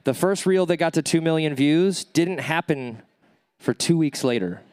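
On an event stage, a man with a nasal voice runs a live workshop, answering questions and coaching his audience energetically, often checking in with "right?" and "okay?". He speaks a little high at normal speed, with no room sound.

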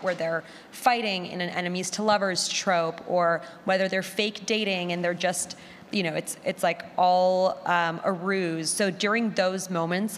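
Recorded in a large, echoey conference room with a bit of hiss or hum, a woman with a fairly low voice sits on a panel as an audio drama producer. Her manner is conversational and eager, and she emphasizes words through repetition.

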